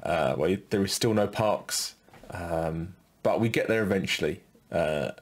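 A man co-hosting a podcast, talking in a relaxed, halting way as he thinks aloud. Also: low-pitched. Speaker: podcast co-host. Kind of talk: casual podcast commentary.

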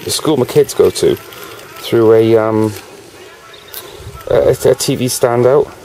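A man's voice: medium pitch, slow, mellow, a little hiss or hum, poor audio. A British man chatting casually on his own channel, rambling and peppering his talk with "you know", at times with a cigarette in his mouth. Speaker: vlogger.

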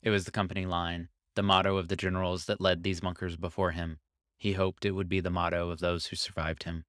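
A man reading a short science fiction story aloud as narrator, calm and even, on a close mic. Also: low-pitched, fairly quick, no echo. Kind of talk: scripted narration.

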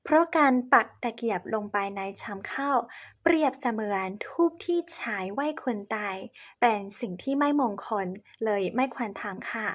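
Lady teaching in thai as a foreigner, a bit halting, polite, highish voice. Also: animated. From China. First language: Chinese. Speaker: presenter on cultural etiquette. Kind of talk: explanatory lesson to camera.

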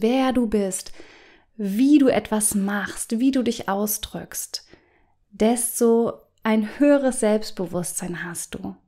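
Woman coach doing a podcast, gentle and guiding, talks right to you, some bits go soft and whispery. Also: mid-range voice. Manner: gentle, guiding, addresses listener directly. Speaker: business coach and podcast host.

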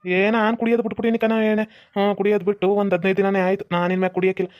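A woman's voice: mid-range voice, flat delivery, very fast, lo-fi sound, lightly acted. A woman voicing a swaggering cartoon uncle. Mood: boastful. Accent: North Karnataka Kannada. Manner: boastful, swaggering. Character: boastful uncle, a reformed drinker, teasing his bride-to-be. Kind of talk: hobby cartoon voice acting.

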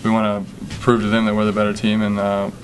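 At a table mic in a press room with a sponsor backdrop, a college basketball player, a young man, answers questions after the game. He talks in a flat, low register, stopping and restarting often and leaning on fillers, while a faint hum sits in the background.

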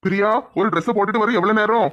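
A man's voice: high voice, quick pace, a bit bright. A man playing an affectionate young husband. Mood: fond. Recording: dull lo-fi recording.

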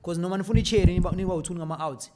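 A man of thirty talking casually as a podcast guest, animated and switching between English and Zulu, on a desk mic in a dark studio. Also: high-pitched, racing, background noise. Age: 30s. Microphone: desk mic on boom arm.

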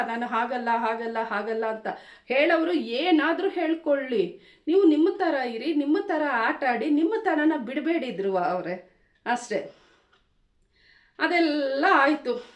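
A woman's voice: high-pitched, reverberant. A woman giving casual vlog commentary on a reality show, opinionated and speaking straight to the contestants. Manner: opinionated, addresses contestants directly.

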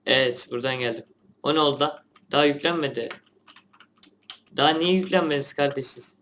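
A man's voice: medium pitch, a little fast, a bit bright, a little hiss or hum. A young man, a gaming channel host giving casual gameplay commentary, chatty and grumbling at the game.

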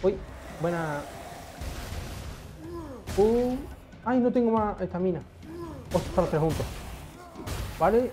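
A young man giving casual gameplay commentary, excitable, swearing often and talking to himself as he plays. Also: high voice, moderate pace, long pauses, noisy background. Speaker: gaming streamer.

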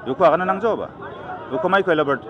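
A middle-aged man with a Northeast Indian accent, acting as a political candidate, fires off rapid, animated answers in a high voice during an argumentative, emphatic press interview, mixing in English. The audio sounds dull. He's recorded outdoors at an evening gathering on close-held handheld news mics, over the noise of a busy crowd.

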